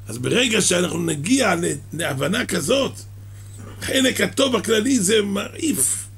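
A man giving a sermon that explains a midrash, halting and restarting his words and coughing now and then. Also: high-pitched, creaky, fairly bright tone, breathy edge. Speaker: religious teacher.

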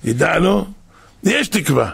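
Very husky, gravelly male preacher. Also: a little high, very animated, a bit bright. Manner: acts out the voices in his stories. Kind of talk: storytelling sermon.

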